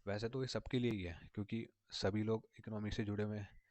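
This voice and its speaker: A male vocabulary teacher explains memory tricks step by step, repeating himself and checking in with his students. His voice sits low and stays fairly level, and it is recorded close up in a dry room with no echo. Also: flat delivery, fairly quick, darkish tone. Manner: patient, repetitive, often checks in with "theek hai na".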